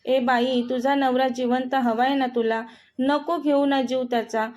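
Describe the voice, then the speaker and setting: Storybook villain: a raging male boss who taunts and threatens, read by a woman with a high voice. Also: level tone, measured pace, a little mellow. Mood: menacing. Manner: threatening, mocking. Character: cruel, raging middle-aged male gang boss. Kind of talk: storybook reading.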